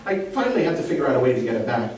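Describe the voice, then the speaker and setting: An Egyptian man does a stand-up set on a comedy club stage, chatty and self-deprecating, often throwing questions to the crowd. His mid-range voice is sing-song, rapid-fire and darkish, with a little hiss or hum. It's recorded from far off in an echoey club, with the audience laughing.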